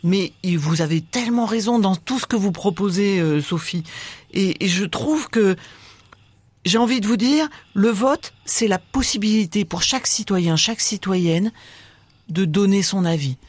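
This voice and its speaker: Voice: medium pitch, moderate pace, no room sound. A studio guest on a radio show, speaking earnestly and addressing the other guests directly by name. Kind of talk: radio talk.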